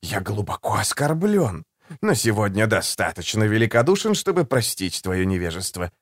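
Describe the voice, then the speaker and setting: A man reading an audiobook, voicing a suave, condescending male assassin in a soft, low, silky voice. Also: very animated, moderate pace, dry recording, clean studio sound. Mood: silky, ironic. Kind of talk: audiobook character voice.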